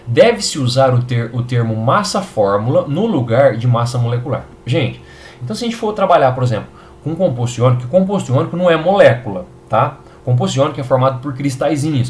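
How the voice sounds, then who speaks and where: A man's voice: mid-range voice, slight background noise. A man with a Brazilian Portuguese accent teaching a chemistry video lesson, upbeat and reassuring, often checking in with his students.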